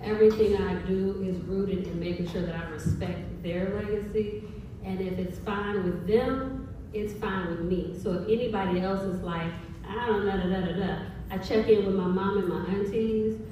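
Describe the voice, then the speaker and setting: Woman panelist, lively and proud; far mic, heavy room echo, background noise. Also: medium pitch, normal speed. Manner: lively, proud, laughing storyteller. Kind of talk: panel discussion answer. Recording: echoey room from far off, noisy.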